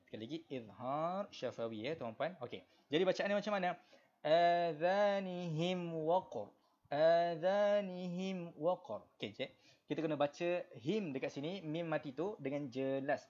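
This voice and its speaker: Malaysian male Quran teacher, dull audio. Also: a little high. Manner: explains patiently with many repetitions and fillers, then chants verses slowly. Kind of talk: online Quran recitation lesson.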